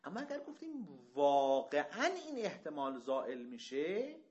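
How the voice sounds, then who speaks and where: Male lecturer, higher-than-average voice, lively pitch, slow text readings mixed with chatty explanation, dull lo-fi recording. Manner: reads Arabic slowly then explains conversationally; asks rhetorical questions, lively pitch swings.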